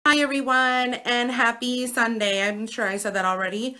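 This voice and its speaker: A woman in her thirties with an American Midwestern accent and a raspy voice, chatting casually and in a rambling way to camera as a vlogger. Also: on the high side, fairly even intonation, moderate pace, sharp tone.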